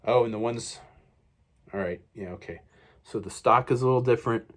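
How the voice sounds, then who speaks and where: A man's voice: mid-range voice, fairly quick. A man casually reviewing action figures while he unboxes them, rambling along with many fillers and self-corrections. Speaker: toy reviewer.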